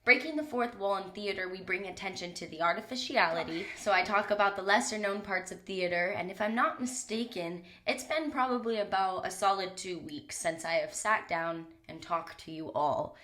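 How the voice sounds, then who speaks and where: Her medium-pitched voice has a sharp tone, moving at normal speed with few pauses. She's a young woman on her own podcast, recorded on a mic in a cramped closet, a bit congested from a cold and speaking frankly and casually with the odd curse.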